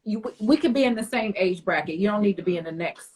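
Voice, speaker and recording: A woman's voice: medium pitch, quick pace, darkish tone, husky. A woman in her forties on a podcast panel, joking around in a playful, casual way. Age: 40s.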